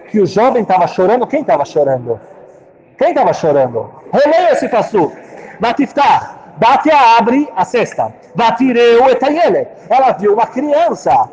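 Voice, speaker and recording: A man teaching a Torah class, chanting Hebrew verses slowly and explaining them with rhetorical questions. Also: high-pitched, darkish tone. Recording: muffled lo-fi recording.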